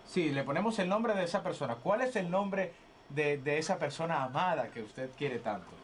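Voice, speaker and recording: A man playing an over-polite, hesitant chocolate salesman on a phone sales pitch, repeating himself. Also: lively intonation, moderate pace, close to an everyday voice. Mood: coaxing. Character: polite male chocolate salesman claiming to be French. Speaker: prank caller. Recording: noisy radio phone call.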